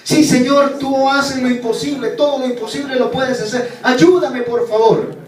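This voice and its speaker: A preacher acting a desperate climber pleading. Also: male voice, steady tone, normal speed. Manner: urgent, high-pitched begging cries. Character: desperate male climber hanging in the dark, pleading. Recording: echoey church from a distant mic.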